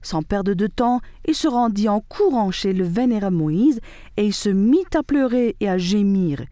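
A woman reading a storybook tale aloud in an expressive narrating style. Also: mid-range voice, measured pace, no echo, clean studio sound.

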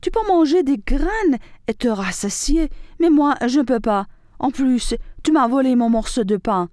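A hungry male dog who grumbles about being cheated, voiced by a woman narrating the story. The voice is warm and dark, with a lively pitch that rises and falls. It is recorded close and dry. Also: a little slow, no room sound. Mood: complaining. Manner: complaining, accusing.

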